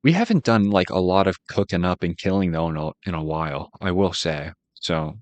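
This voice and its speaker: Laid-back deep-voiced man with a Boston accent. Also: a little fast, no echo. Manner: laid-back, musing aloud, chuckles at himself. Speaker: gaming channel host. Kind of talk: casual relaxed gameplay commentary.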